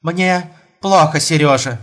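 A man's voice: on the high side, slow, voice pushed up. A man voicing a distraught middle-aged mother who pleads and repeats herself. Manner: pleading, repetitive.

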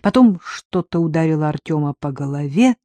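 A man narrating an audiobook in a measured, dramatic reading with swells of intensity. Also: a little high, expressive, mellow, no room sound.

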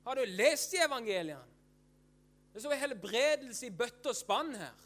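Male preacher, high-pitched, fervent and emphatic, poses his own questions and answers them in a loose, chatty sermon. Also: big pitch swings, fairly bright tone. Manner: fervent, emphatic, repeats phrases, frequent hallelujahs; casual spoken fillers, asks and answers own questions.

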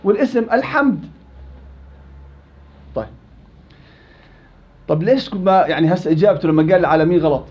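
A high-pitched man runs a quick-fire recitation lesson, calling on students by name and teasing them along. The recording is dull and lo-fi. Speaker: Quran recitation teacher. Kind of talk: interactive classroom lesson.

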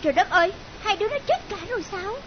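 A man voicing a frantic young woman friend in a squealing falsetto, in a dull lo-fi audiobook recording. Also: sing-song, normal speed, slight background noise. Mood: alarmed. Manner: squealing falsetto, panicked cries.

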